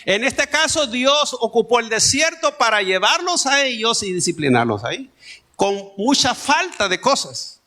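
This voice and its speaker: Lively bright-voiced Salvadoran pastor preaching. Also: male voice, very high voice, moderate pace. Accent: Salvadoran Spanish. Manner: conversational preaching with homely stories and asides. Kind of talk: sermon. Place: church.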